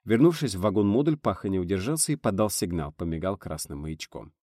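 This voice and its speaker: Male audiobook narrator, dramatic reading, low voice, dry close sound. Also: animated, fairly quick, warm tone, dry recording.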